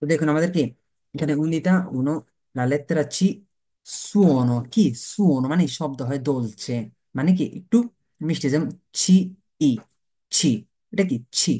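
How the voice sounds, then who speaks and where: A man's voice: on the high side, unhurried, dark tone. A man teaching a beginner language lesson, asking rhetorical questions and answering them himself, spelling words out letter by letter.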